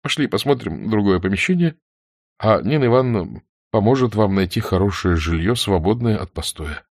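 A man's voice: fairly low pitch, lively intonation, no echo, clean studio sound. A man voicing a stern old scholar. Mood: gentle. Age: older. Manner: measured, reproachful. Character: old bookish man, stern then gentle.

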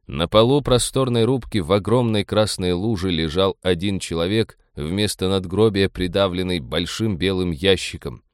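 Brief: male audiobook narrator, very low voice, dry close recording. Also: moderate pace, few pauses, clear, resonant tone, no echo. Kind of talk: scripted narration.

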